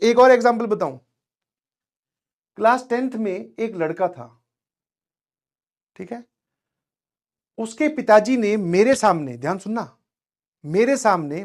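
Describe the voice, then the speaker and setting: High-voiced man giving a motivational class talk. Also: a little slow, long pauses. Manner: animated storytelling, addresses students directly with frequent "samajh mein aaya?". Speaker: coaching teacher.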